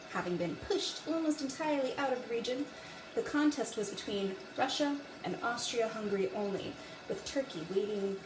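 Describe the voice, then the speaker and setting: Reading a history book with theatrical deliberateness, the female host of a dramatic reading series speaks in a mid-range voice and drops in casual asides. The sound is echoey and distant-miked, captured in a room beside a running tap whose water noise runs underneath.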